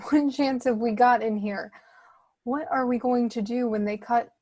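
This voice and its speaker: Rebel princess read by a woman: fairly high voice, skeptical, sharp-tongued, exasperated. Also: measured pace. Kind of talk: script table read.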